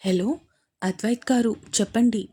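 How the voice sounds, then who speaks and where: A woman voicing a lively, warm young wife in an audio romance story, speaking high and chatty. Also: normal speed, breathy edge. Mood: puzzled.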